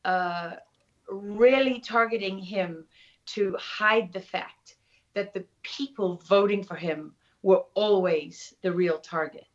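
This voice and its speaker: Speaking slowly with a medium-pitched voice, a middle-aged woman from Durban shares reflective stories and anecdotes in her South African accent during a conversational interview. The recording is lo-fi and slightly dull.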